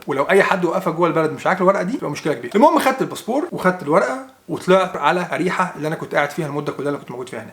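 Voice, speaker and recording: A young man with an Egyptian accent talks to his camera at a breakneck clip, his voice sitting high for a man. He retells events as casual, animated storytelling and acts out both sides of the dialogue himself. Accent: Egyptian Arabic. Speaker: vlogger.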